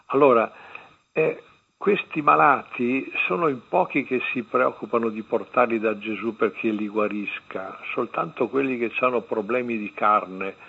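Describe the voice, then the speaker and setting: A man's voice: mid-range voice, vocal fry, slightly rough. A man speaking as a radio host, giving hesitant, rambling spiritual commentary full of fillers. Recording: tinny phone-line sound.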